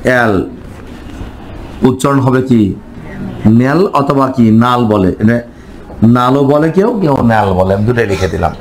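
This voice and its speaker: A man's voice: mid-range voice, expressive, moderate pace, long pauses, darkish tone, low-quality recording. This is a man in the middle of a classroom lecture, teaching chemistry in a mid-range voice. He keeps quizzing his students, asking the same question twice before answering it. Faint background noise sits under the recording.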